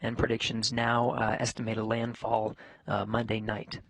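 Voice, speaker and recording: A man giving live space mission commentary in a measured, factual announcing manner. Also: on the low side, completely flat delivery, a bit bright, dry recording.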